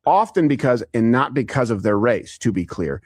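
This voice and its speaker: A man's voice: medium pitch, big pitch swings, normal speed, a little mellow, no room sound. A man chatting casually on a podcast, rambling with many fillers. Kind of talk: casual chat.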